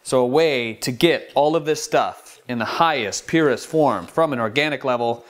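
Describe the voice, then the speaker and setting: A man's voice: mid-range voice, normal speed. Chatty enthusiastic health vlogger man. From Michigan. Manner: enthusiastic, chatty, sells his favorites. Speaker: wellness channel host. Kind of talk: upbeat product-style health vlog.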